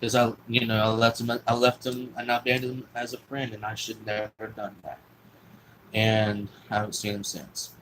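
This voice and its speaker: A man's voice: on the low side, level tone, normal speed, a bit bright, a little hiss or hum, poor audio. A young man telling a long personal story in a rambling, profane, casual way. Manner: rambling, profane, full of fillers and restarts.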